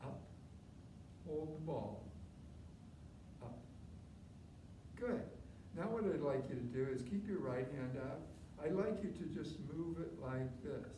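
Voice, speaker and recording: Male tai chi instructor, informal and encouraging, short spaced cues, recorded off-mic with clear background noise. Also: a little high, expressive, moderate pace, reverberant, far from the mic. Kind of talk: live movement instruction, step-by-step cues.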